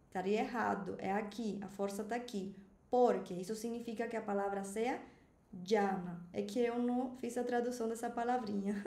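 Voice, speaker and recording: Lively Spanish teacher, woman, echoey room. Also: fairly high pitch. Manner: animated, chatty, often checks in with the learner. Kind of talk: video language lesson.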